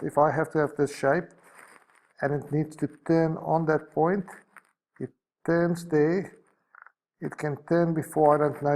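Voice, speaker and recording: A man's voice: a little high, gravelly, darkish tone. A man teaching a maths lesson, talking through each step as he sketches a graph and correcting himself as he goes.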